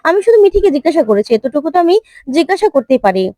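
A woman's voice: very high voice, big pitch swings, very fast, dark tone, dry recording, studio quality, voice pushed up. A woman voicing a meddling middle-aged aunt who pries and defends herself. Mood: prying. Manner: prying, defensive questioning.

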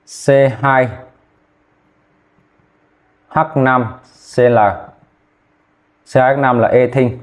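A man teaching chemistry, dictating formulas slowly and repeating names, often checking whether students follow. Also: medium pitch, flat delivery. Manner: slow, repetitive, checking in with "ok chưa?". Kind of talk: classroom lesson, dictating formulas.

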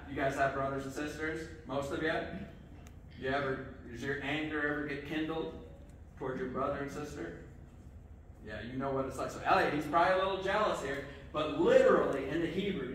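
A middle-aged pastor gives a lively children's sermon in a church sanctuary with the congregation present, asking the kids questions and saying "okay" often. His voice is a little high, and the far-off camera picks up an echoey room with a little hiss or hum.

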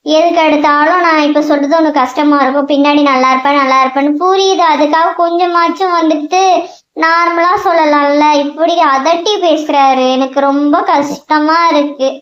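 A woman's voice: sits high, steady tone, normal speed, natural voice. A woman voicing an earnest young schoolboy in a cartoon who pleads with his father, recorded with a dull, echoey sound. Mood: sulking. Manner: pleading and hurt. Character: earnest young schoolboy son, eager to help.

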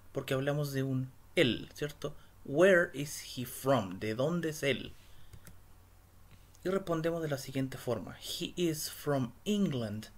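A man teaching English in a recorded slide lesson, explaining step by step and reading the English phrases slowly and carefully. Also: fairly high pitch. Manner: patient, explains step by step, checks in with "¿ya?" and "¿cierto?". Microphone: voice-over. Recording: loud background music.

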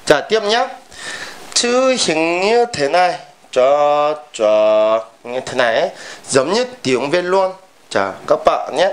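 A man's voice: a little high, expressive, measured pace. A Korean man with a Korean accent teaching pronunciation in a lesson, modeling sounds over and over. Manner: drills sounds with repeated modeling.

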